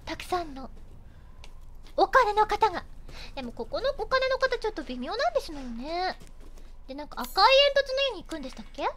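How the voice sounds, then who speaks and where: A woman's voice: very high voice, big pitch swings, brisk, long pauses, noisy background. A young woman streaming a horror game, chatting in a playful, mock-aristocratic lady manner with dramatic outbursts. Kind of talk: casual game-stream commentary. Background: game music.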